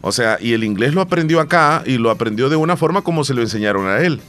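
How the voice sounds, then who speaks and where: A man's voice: medium pitch, lively intonation, quick pace, fairly bright tone, soft background music. A man from El Salvador, co-hosting a casual chat show, rambling and repeating his words. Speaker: podcast co-host. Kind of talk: casual radio-style chat.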